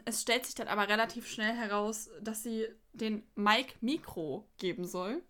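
Female co-host, slightly high, bright tone, steady recap with dry asides. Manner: narrates plot steadily with quoted lines and dry comments. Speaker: podcast co-host. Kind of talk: casual chat recapping an episode.

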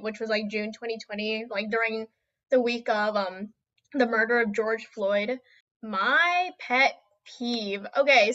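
A woman's voice: on the high side, a bit bright, muffled recording. A nineteen-year-old woman from the United States chatting casually as a podcast guest. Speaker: podcast guest, youth committee member. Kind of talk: casual chat.

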